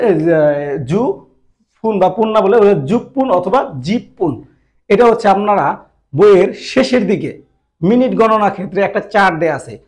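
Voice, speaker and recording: Man, high-pitched voice, language teacher, grammar lesson, patient, repeats examples, speaks directly to viewers. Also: darkish tone. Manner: patient, repeats each point slowly with pauses; addresses viewers directly, pointing them to the book.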